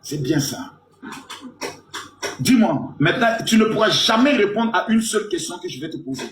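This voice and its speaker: A man in his forties hosting a live stream, crude and teasing, with mock indignation that swings between loud outbursts and low mutters. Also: expressive, moderate pace, echoey room. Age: 40s. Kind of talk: provocative live stream banter.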